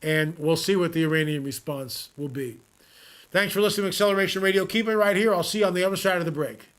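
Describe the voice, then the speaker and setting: A man's voice: fast, fairly bright tone, slight background noise. A man hosting a talk radio show, talking earnestly and repeating his points for emphasis. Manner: earnest, repetitive, emphatic pitch. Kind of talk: talk radio monologue and live ad read.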